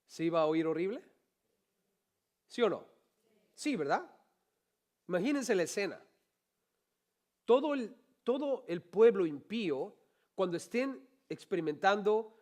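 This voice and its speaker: A man preaching a sermon as pastor, animated, asking the congregation rhetorical questions and adding playful humorous asides. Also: a little high.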